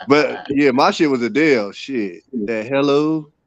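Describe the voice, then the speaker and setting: A man's voice: mid-range voice, measured pace, no echo, lo-fi sound. A man in his forties, a co-host in a casual sports chat, rowdy and profane, telling stories. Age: 40s.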